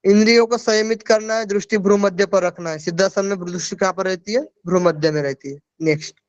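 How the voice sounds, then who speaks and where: A man teaches yoga over a video call, working through verse after verse and checking that his students follow. His voice sits high and sounds smooth and clear, close and dry. The call audio is dull and lo-fi. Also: fairly even intonation, quick pace, no echo. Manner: explains verses, checking in with listeners. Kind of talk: online class lecture.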